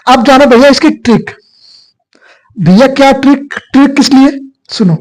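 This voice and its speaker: A man's voice: very high voice, normal speed, low-quality recording. A male teacher giving an exam coaching lecture, asking questions and answering them himself. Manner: repetitive call-and-response questioning.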